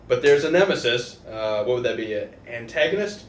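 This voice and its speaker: Animated, rambling man in an echoey room. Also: medium pitch, brisk. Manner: rambling, profane, joking. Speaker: comedy show co-host. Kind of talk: improvised comedy sketches and banter. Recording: roomy echo with faint background noise.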